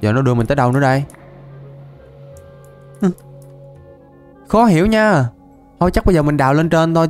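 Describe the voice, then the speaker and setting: A young man, chatting casually as he plays a game, laughing often and repeating words in quick bursts. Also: on the high side, a little mellow. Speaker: gaming YouTuber. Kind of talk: casual Minecraft let's-play commentary.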